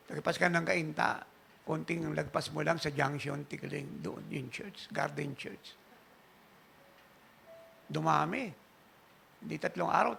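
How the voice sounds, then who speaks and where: A man preaching a sermon in church, telling a story in an animated way and chuckling at it. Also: fairly high pitch, vocal fry, a little hiss or hum. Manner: animated anecdotal preaching, laughing at his own story. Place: church service.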